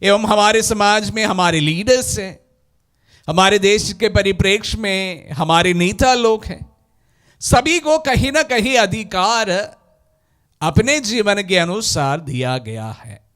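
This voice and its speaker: A male priest reading the gospel at Mass and preaching in a slow, measured way. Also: high voice, lively intonation, a bit bright. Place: church.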